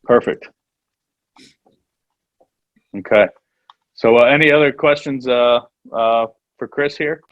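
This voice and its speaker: A man from Texas moderating a video call, halting and full of fillers and restarts. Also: medium pitch, fairly even intonation, dry recording, muffled recording. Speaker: event host, moderator.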